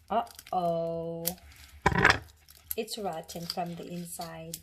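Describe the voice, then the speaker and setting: Woman from the Philippines, home cook vlogger, chatty and rambling, kitchen with a noisy recording. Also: on the low side. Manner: chatty, rambling, with many restarts and fillers. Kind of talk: casual cooking demonstration.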